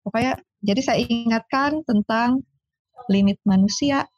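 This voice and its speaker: A woman, a sports psychologist telling lively stories in a casual interview. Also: on the high side, unhurried, no room sound, muffled recording, faint music behind. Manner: animated storyteller, acts out quoted dialogue.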